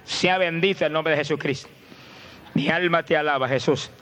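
A man preaching a fervent sermon, swinging from low murmurs to high shouted praise. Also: moderate pace, smooth.

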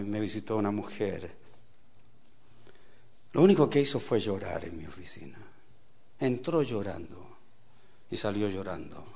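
Animated man preaching, lively pitch. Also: vocal fry. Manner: animated, swings from loud exclamations to quiet asides; rhetorical questions to the audience. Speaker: pastor. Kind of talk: sermon.

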